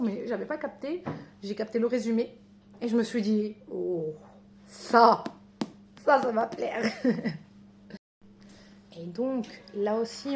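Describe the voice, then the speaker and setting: A woman with a French accent chatting excitedly about books as she unboxes them, laughing often and reading the blurbs aloud. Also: fairly high pitch, a little hiss or hum. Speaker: book vlogger. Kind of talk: casual unboxing chat.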